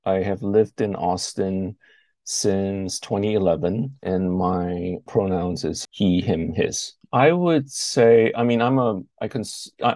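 A man's voice: low voice, warm tone, dry recording. A man in his forties from Malaysia, a filmmaker answering interview questions thoughtfully, sometimes searching for words. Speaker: guest filmmaker.

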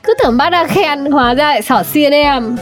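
A woman with a high voice plays a sharp-tongued, bickering wife in a comedy skit. She talks fast and combative. Faint music plays underneath.

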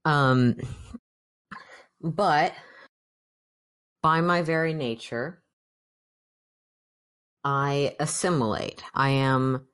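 A woman voicing a young male changeling cleric who speaks in a dry, self-mocking, measured way. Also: rumbling low, fairly bright tone, clean tone, exaggerated voice. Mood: wry.

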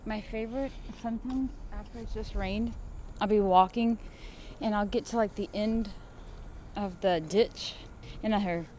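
A woman, out on a walk and telling silly stories. She laughs often and breaks into made-up rhymes, and her pitch sits in an ordinary middle range. Faint outdoor noise sits behind her. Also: a little slow, darkish tone. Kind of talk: casual chat on a walk.

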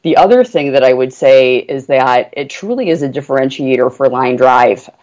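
A woman's voice: extremely low pitch, normal speed, darkish tone, poor audio. Woman on a work podcast, earnest and chatty, lots of fillers. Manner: earnest, enthusiastic, many "you know" fillers. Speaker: guest, portfolio manager. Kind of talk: business podcast conversation.

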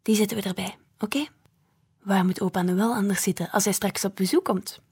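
A woman voicing a gentle coaxing mother. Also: medium pitch, fairly quick, slightly rough. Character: gentle, cheerful mother who bakes.

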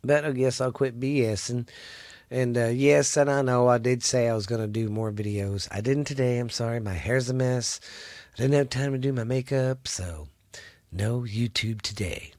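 Here the Texan host's mid-range, somewhat dark voice moves at a normal speed through casual, meandering solo podcast talk. Congested and nasal, he curses without hesitation, captured in a dry, clean studio recording.

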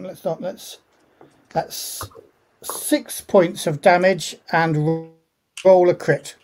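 Guy game mastering a tabletop rpg, takes it slow, lots of hesitant pauses. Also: on the high side, a little mellow. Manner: hesitant, halting. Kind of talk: running a tabletop roleplaying game.

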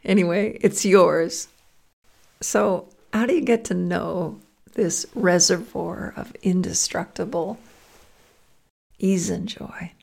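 A woman teaching a guided meditation, speaking slowly and softly, often dropping into a breathy whisper. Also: on the low side.

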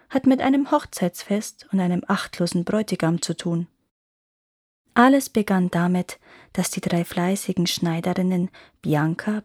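A woman narrates a fairy tale for her podcast in a calm, measured storytelling voice. Her tone is softly husky and a little breathy. The recording is close and completely dry. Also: fairly low pitch, no room sound.

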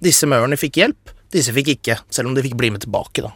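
A man's voice: mid-range voice, animated, a bit bright, breathy edge, dry recording, studio quality. A man hosting a radio show, explaining science in a casual chat and getting carried away with enthusiasm. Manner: enthusiastic, gets carried away and talks fast.

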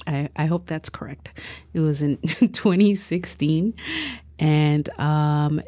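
A woman's voice: low-pitched, warm tone, no echo. A woman community organizer answering interview questions in a modest, good-humored way.

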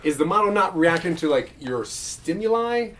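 Man acting a lively, weary customer service agent. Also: high voice, normal speed. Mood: strained patience. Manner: formal, hesitant, exasperated politeness. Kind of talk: scripted comedy phone call. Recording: faint background noise and ambience.

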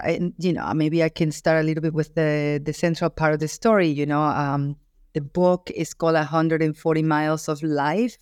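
A woman's voice: deep voice, darkish tone, clean tone, dry recording, studio quality. A woman from Ecuador, an author being interviewed, speaking earnestly and reflectively, with frequent restarts. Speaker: author and guest. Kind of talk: interview answer.

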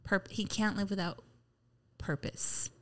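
A woman's voice: on the high side, expressive, brisk, fairly bright tone. A woman hosting a podcast, chatting casually in a playful, teasing way. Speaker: podcast host. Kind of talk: casual chat.

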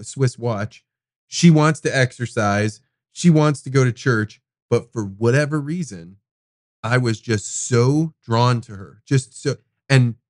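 A man hosting a podcast, telling a personal story in an animated, casual way, swearing now and then. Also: medium pitch, no room sound, studio quality. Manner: animated, swears casually, acts out quoted people. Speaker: podcast host. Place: studio.

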